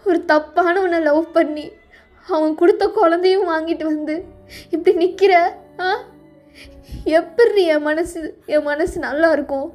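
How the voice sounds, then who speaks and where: A hard, unforgiving middle-aged mother lays down the law to her daughter, voiced by a woman. She speaks slowly and cuttingly in a fairly high voice. Faint music runs behind this fan audio drama. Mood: scolding. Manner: scolding, slow and cutting. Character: stern middle-aged mother, harsh and scolding. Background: soft music.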